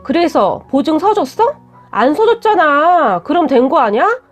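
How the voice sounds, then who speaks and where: A woman's voice: high voice, animated, moderate pace, faint music behind. A woman voicing a blunt, defensive young man who scolds his fiancée in a read-aloud story. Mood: curt.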